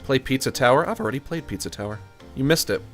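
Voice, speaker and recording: Expressive and fast, a male game streamer with a mid-range voice rambles and jokes casually with his audience, laughing at his own humor. His costly large-diaphragm studio condenser mic gives the audio sharp, hissy sibilance, and music plays behind him.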